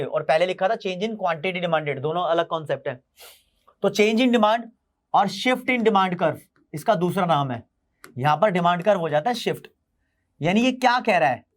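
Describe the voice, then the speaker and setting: A man teaching an online economics class, repeating key English terms slowly for his students. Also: high-pitched. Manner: mixes Hindi with English terms.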